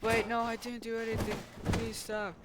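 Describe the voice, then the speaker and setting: A man's voice: completely flat delivery, normal speed, heavy background noise. A man voicing a panicked young boy begging to be let go, in a raised, frantic voice. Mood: pleading. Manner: high, pleading and frantic.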